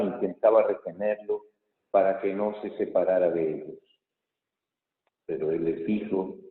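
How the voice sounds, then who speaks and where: A low-voiced priest speaks in a measured, thoughtful way, his words ringing in a long cathedral echo. The sound is thin and tinny, as if heard over a phone line. He pauses and hesitates now and then as he preaches. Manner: measured reading, thoughtful homily with pauses and fillers. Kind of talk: Mass reading and homily. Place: large church. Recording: echoey church hall, tinny phone-like sound.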